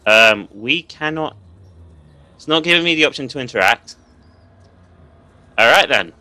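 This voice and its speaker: A man's voice: mid-range voice, animated, a little slow, pushed and bright, no room sound. A young man, nervously commenting and swearing while playing a horror game for viewers. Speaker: gaming video host.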